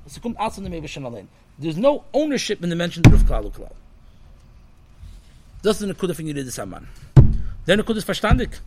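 A man, giving a Talmudic study lesson in an animated, sing-song way with many fillers. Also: sits high, slight background noise. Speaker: Torah teacher.

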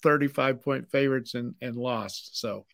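A man's voice: medium pitch, normal speed, vocal fry, a bit bright. Laid-back man in his sixties. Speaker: co-host. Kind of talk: casual chat.

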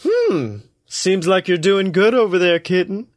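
A man's voice: high-pitched, very animated, measured pace, no room sound, clean studio sound, voice pushed up. A man voicing a cocky male god who is getting drunk, slurring and stammering his words. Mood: smug taunting.

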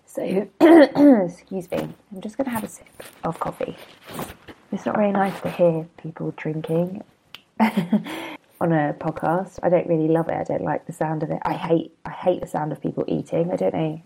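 Low-voiced woman, chatty and gravelly. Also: normal speed, warm tone, a little hiss or hum. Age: 30s. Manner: chatty, self-deprecating, rambling with asides. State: a bit hungover and yawning. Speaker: podcast host and blogger. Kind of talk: casual solo podcast chat.

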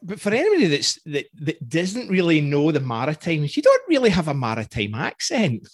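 A man's voice: on the high side, huge pitch swings, fairly quick, husky, no room sound, clean studio sound. A middle-aged man with a Scottish accent, hosting a casual interview. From Scotland. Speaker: interview host.

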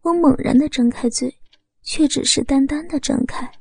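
A woman narrating a first-person story in a soft, breathy manner. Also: high-pitched, moderate pace, no room sound.

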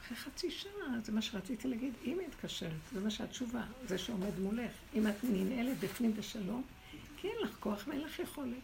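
A woman's voice: fairly high pitch, lively intonation, creaky, a little mellow. A middle-aged woman teaching a religious women's class, exhorting and challenging her listeners. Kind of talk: spiritual class with questions from listeners. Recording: noisy room recording.

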